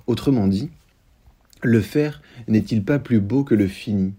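A man with a deep, dark and mellow tone reads a story aloud at a steady, measured pace. His voice has a husky grain to it. He sounds like a literary reviewer sharing a passage from a novel. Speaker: book reviewer and reader.

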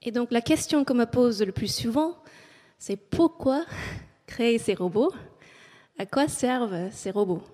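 A woman from English-speaking Canada reads a public talk in French from notes before an auditorium audience, her English Canadian accent clear and her speech full of hesitant filler sounds. Her voice is a little high, animated and dark, at a measured pace, with long hall reverb on the recording.

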